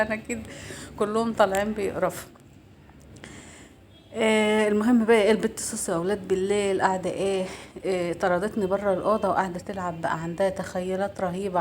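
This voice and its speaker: Fast-chatting Egyptian woman vlogger. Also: medium pitch, a little hiss or hum. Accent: Egyptian Arabic. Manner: warm, gossipy, rambling storytelling. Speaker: clinic assistant and vlogger. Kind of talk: casual chatty vlog.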